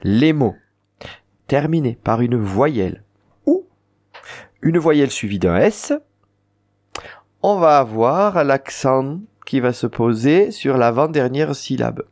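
Southern french guy teaching occitan on the radio, patient, says examples out loud. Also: mid-range voice, lively intonation, slow, long pauses. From southern France. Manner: patient, explains rules with spoken examples. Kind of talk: radio language lesson.

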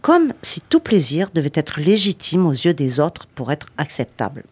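A woman's voice: deep voice, big pitch swings, normal speed, a little mellow, breathy edge. A woman reading a playful, self-mocking radio column and bantering with the studio.

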